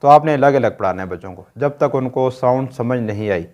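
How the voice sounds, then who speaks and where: A man's voice: mid-range voice, brisk, a little mellow, lo-fi sound. A man with a Pakistani Urdu accent teaching Quran reading in a recorded lesson, patiently drilling short sounds one by one and checking that learners follow.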